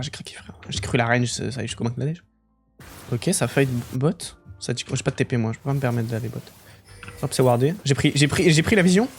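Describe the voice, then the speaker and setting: A young man chatting casually with his viewers while he plays a game, swearing easily and breaking into excited outbursts. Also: mid-range voice, creaky, breathy edge. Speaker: streamer. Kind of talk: casual live-stream commentary while gaming.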